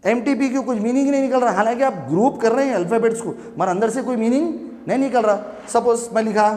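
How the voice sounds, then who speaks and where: A man's voice: very high-pitched, darkish tone, big-room sound. A man teaching basic English grammar to a class. He asks questions and answers them himself, repeats words and spells them out letter by letter. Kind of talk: classroom grammar lesson in mixed Hindi and English.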